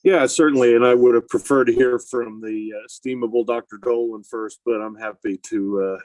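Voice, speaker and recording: A man gives public meeting remarks through a face mask, his voice slightly muffled. He speaks in a measured, deliberate way with emphatic phrasing, and the sound is dry with very little room echo. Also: medium pitch, flat delivery, darkish tone. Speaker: school board member, substitute teacher. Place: inside a school building.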